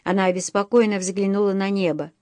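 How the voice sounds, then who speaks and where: A woman reads a historical novel aloud at a medium pitch, with steady, measured delivery. The recording is close and dry, with no room sound around her voice. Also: no echo. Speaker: audiobook narrator. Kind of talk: scripted narration.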